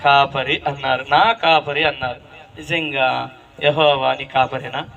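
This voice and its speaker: A man's voice: medium pitch, steady tone, a little slow, vocal fry, fairly bright tone, dull audio. A man preaching a call-and-response sermon, questioning the congregation and repeating key phrases with rising emphasis. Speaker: pastor.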